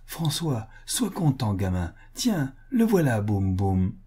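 A man's voice: medium pitch, steady tone, normal speed, dark tone, breathy edge. A man voicing an anxious, grateful working-class father who speaks earnestly, his voice lifting with eagerness. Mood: joyful.

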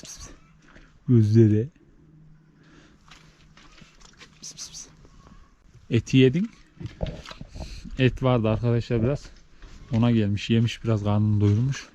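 A man vlogging from a snowy farm barn, chatting casually to camera while doing chores and cooing at newborn goats, then dropping to soft low chatter. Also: a little hiss or hum. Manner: coos and baby-talks at animals, rising high and loud; drops to soft, low chatter when explaining. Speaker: village vlogger tending goats.

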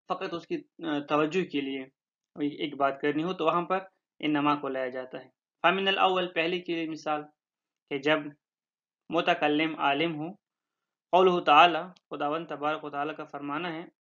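A high-voiced man gives a classroom lecture on a religious text. His tone is bright and forward, and he explains each point step by step with pauses and fillers. The recording sounds dull and lo-fi. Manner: recites Arabic verses slowly, then translates. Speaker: religious teacher.

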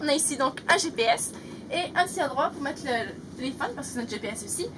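A young woman giving a casual tour of her sailboat, relaxed and full of hesitation fillers. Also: high voice, fast talker, far from the mic. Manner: relaxed, many "euh" fillers, light laughs. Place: sailboat cabin, then open deck outdoors. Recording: loud wind and water noise.

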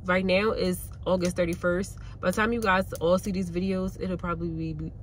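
A woman's voice: lowish voice, little pitch movement, normal speed. A woman vlogging casually about her new nail salon, candid and rambling, from Pennsylvania. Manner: candid, rambling, uses y'all and like a lot. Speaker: nail tech and salon owner. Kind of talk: casual vlog chat. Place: in a car. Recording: car and street noise behind.

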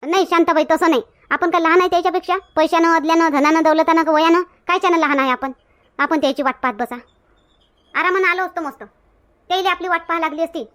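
A woman's voice: extremely high pitch, steady tone, quick pace, a bit bright. An actress with a Varhadi Marathi accent playing a proud, touchy mother of the groom who complains and defends herself. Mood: complaining. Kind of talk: village comedy skit.

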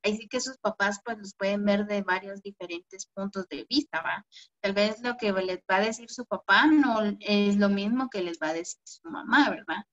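Soft affectionate lady teacher, online class for kids, keeps asking verdad, muffled call audio. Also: medium pitch, moderate pace. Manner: gentle, ends phrases with "¿verdad?"; affectionate, calls pupils "mi amor". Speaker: primary school teacher. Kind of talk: online class talk to children. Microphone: video call. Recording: dull lo-fi video call audio.

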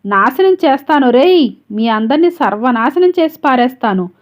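A woman's voice: high voice, animated, normal speed. A woman doing a furious possessed village woman. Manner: threatening rant. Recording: dull lo-fi audio.

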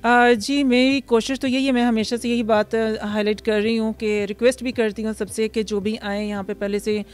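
Pakistani woman in her 30s, restaurant owner, interviewed outside, lots of uh pauses, handheld mic. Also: on the high side, flat delivery. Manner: hesitant, many fillers, mixes English words. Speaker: restaurant founder. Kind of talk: interview answers. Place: outdoor restaurant terrace. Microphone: handheld mic held by interviewer.

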